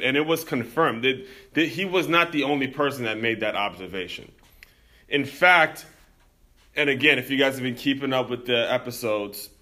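A man's voice: medium pitch, sharp tone. A young man from the United States hosting a podcast, telling a personal story in an earnest, reflective way and addressing his listeners as teammates. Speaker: podcast host.

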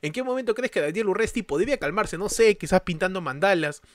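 A young Peruvian man riffs through the week's political news in a high, bright voice. He rambles, drops casual swear words and keeps breaking into laughter. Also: expressive, fast, no echo. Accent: Peruvian Spanish. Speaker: podcast host. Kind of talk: comic news chat.

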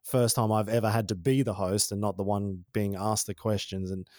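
Relaxed Australian man, dry close sound. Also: on the low side, normal speed, no room sound. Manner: relaxed, rambling, slangy. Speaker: podcast guest, former freestyle motocross rider. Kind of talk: casual conversation.

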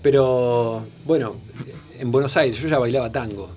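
A man, a guest on a casual radio show, answering in quick short phrases. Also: mid-range voice, a little mellow, faint music behind. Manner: fast, short agreeing replies.

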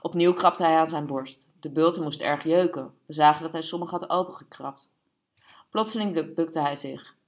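A woman reading literary fiction aloud in a calm, measured way. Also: deep voice. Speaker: audiobook reader. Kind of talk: literary narration.

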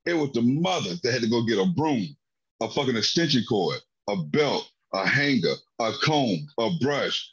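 A man telling childhood stories in a casual chat, animated and laughing often, with a profane, lively delivery. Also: mid-range voice, moderate pace, breathy edge. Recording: dull lo-fi audio.

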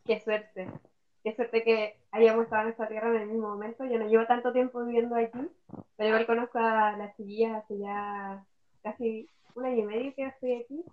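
A woman from Chile opens and runs a community podcast, chatty and easygoing. Her voice sits a little high. The recording is muffled and lo-fi. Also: flat delivery, fairly quick. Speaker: podcast host. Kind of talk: casual podcast hosting.

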